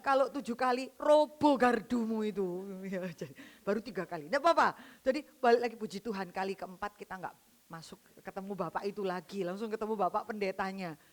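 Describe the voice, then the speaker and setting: A woman preaching to a women's fellowship, telling stories with lively acted-out dialogue. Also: a little fast. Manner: animated storytelling, acting out dialogue with many pitch jumps. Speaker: vicar preaching.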